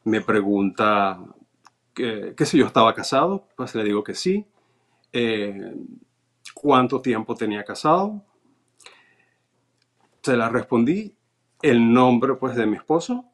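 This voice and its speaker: A man's voice: mid-range voice, expressive, slow pace, pauses often. Man telling a story. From Venezuela. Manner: recounts events step by step, reading notes aloud. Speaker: interview guest. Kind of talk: casual storytelling.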